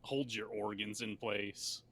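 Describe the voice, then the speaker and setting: A man's voice: lowish voice, fairly even intonation, slow, a bit bright, a little hiss or hum. A man chatting casually with friends on a voice call, dry and joking. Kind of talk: casual chat.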